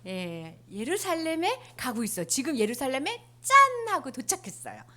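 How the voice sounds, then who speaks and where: Animated woman telling a children's sermon. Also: high-pitched, normal speed. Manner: animated, asks children questions.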